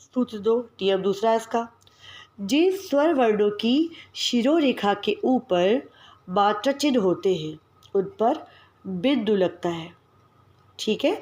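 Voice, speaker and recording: A woman teaching a grammar lesson, spelling out example words one at a time and explaining rules with careful pauses. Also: medium pitch, expressive, a little mellow.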